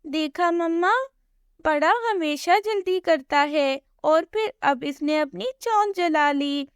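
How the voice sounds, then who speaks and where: A woman's voice: sits high, takes it slowly, no room sound, studio quality, pitched above the performer's own voice. A woman voicing a fussy cartoon mother bird who scolds her son in a motherly way. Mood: scolding.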